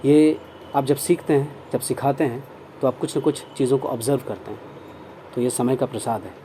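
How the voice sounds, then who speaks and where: A man giving a grammar lesson, explaining in Hindi and reading sentences out slowly, word by word. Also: medium pitch, fairly even intonation, dark tone, a little hiss or hum. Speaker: English grammar teacher. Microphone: phone screen recording.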